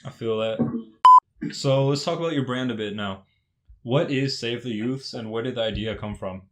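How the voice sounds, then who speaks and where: A man's voice: medium pitch, normal speed. A man hosting a casual interview, asking easygoing questions with short affirmations in between. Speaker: interview host.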